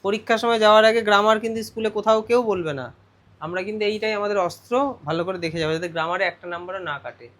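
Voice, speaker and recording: A male teacher with a high-pitched, slightly bright voice moves quickly through a grammar lesson step by step. He frequently puts questions to his students.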